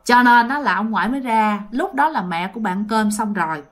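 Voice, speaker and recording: Brief: Southern Vietnamese woman, slightly high voice, casual chatty ghost-story teller addressing listeners. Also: expressive, fairly quick.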